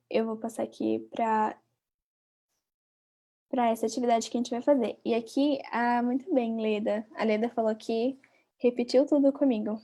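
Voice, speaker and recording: A woman with a Brazilian Portuguese accent teaching a live online English lesson. She repeats each word slowly and talks directly to her viewers. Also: fairly high pitch, mellow. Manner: patient, drills words by repeating them slowly, chatty asides to viewers.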